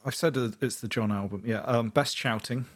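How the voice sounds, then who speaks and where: Husky man, comedian guest, eager casual chat, chimes in with agreement. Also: medium pitch. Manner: enthusiastic, quick agreeing interjections.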